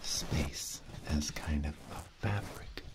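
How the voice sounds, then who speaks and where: A man giving a soft, unhurried ASMR book reading, his voice layered with a doubled whispered track. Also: a bass voice. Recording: clear background noise with clicks.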